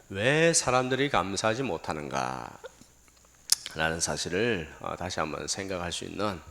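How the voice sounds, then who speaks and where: A middle-aged male pastor delivers a sermon in a low voice that swings widely in pitch. He tells stories and presses the congregation with questions, sometimes raising his voice to a shout.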